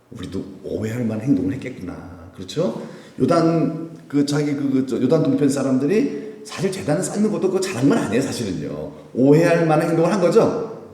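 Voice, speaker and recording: A male pastor preaches in a lively, conversational way, his pitch rising and falling as he asks the congregation questions and answers them himself. His voice is mellow and warm. He sounds set back from the microphone, with a long church-hall echo around him. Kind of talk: sermon. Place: church sanctuary. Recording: echoey church hall, mic at a distance.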